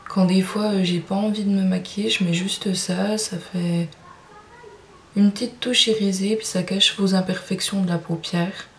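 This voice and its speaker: A young woman talks through her makeup steps in a casual, hesitant way, filling pauses as she works. Her voice sits in the middle range and sounds roomy, caught from a little way off the mic. A faint hiss runs underneath. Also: medium pitch, fairly even intonation, far from the mic. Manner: chatty, hesitant with frequent fillers. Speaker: beauty vlogger. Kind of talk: makeup tutorial narration.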